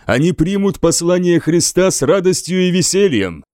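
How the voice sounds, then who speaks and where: A man's voice: sits high, lively intonation, moderate pace, darkish tone, dry recording, clean studio sound, pitched above the performer's own voice. A man voicing an eager, cheerful young priest who speaks earnestly and piously in an audiobook.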